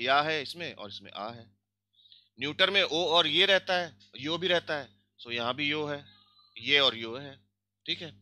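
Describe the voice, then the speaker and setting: A man's voice: on the high side, bright, forceful tone, clean tone, no room sound. A man teaching an online grammar lesson, mixing Hindi with English and drilling word forms aloud, asking questions and answering them himself. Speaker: language teacher.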